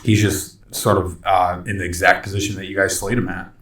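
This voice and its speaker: A very low-voiced man narrates as game master, describing scenes in loose, casual phrases full of fillers. The sound is roomy and echoey, with the speaker set back from the microphone. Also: little pitch movement, brisk, a bit bright. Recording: echoey room, distant from mic.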